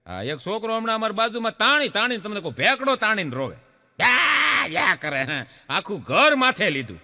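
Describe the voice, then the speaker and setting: Casting: middle-aged male stand-up comic, Kathiawadi accent, lively singsong delivery, stage hall reverb. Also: high-pitched, normal speed, creaky. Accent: Kathiawadi Gujarati. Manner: animated storyteller who acts out characters' lines. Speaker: stand-up comedian telling jokes. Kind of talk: Gujarati folk joke telling to a live audience.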